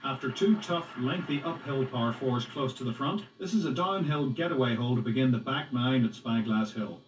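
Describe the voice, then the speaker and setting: A man's voice: mid-range voice, moderate pace, distant mic, close to an everyday voice. A man acting as a golf commentator in a video game, describing holes and shots in a matter-of-fact broadcast style. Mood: descriptive, measured. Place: played through a TV, re-recorded in a room. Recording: roomy game audio filmed off TV, faint noise.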